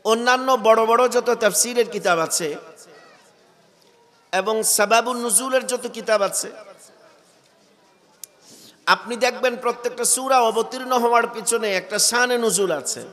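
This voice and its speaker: A man preaching a sermon at a religious gathering while he has a cold, quizzing the crowd and building to loud emphatic peaks. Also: extremely high pitch, a little slow, long pauses, big-room sound.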